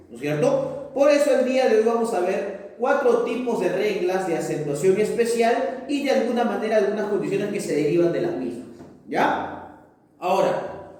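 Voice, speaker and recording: A male teacher giving a grammar lesson, explaining slowly and posing questions to himself that he then answers. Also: high voice, a little mellow. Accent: Peruvian Spanish. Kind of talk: recorded classroom lesson. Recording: echoey room, mic far off.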